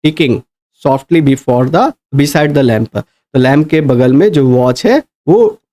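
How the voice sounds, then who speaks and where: A man's voice: fairly high pitch, darkish tone. A man teaching for exam preparation, explaining word meanings patiently and checking in with his students. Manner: explains patiently, asks "है ना?" often, reads English quoted sentences slowly. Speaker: English teacher. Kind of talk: exam-prep lecture.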